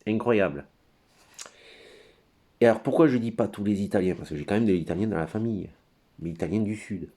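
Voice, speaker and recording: A man with a very low voice talks on his own in front of his computer. His monologue is rambling and crude. He hesitates often, stumbles over fillers and wanders off into tangents. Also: fairly quick, pauses often, warm tone, husky. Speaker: commentator.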